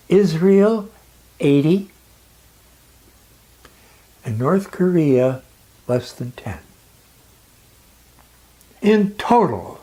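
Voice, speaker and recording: The speaker's medium-pitched voice carries a slightly mellow quality as they deliver a scripted dramatic monologue. They sound weighty and emphatic, like an orator, with intentional pauses.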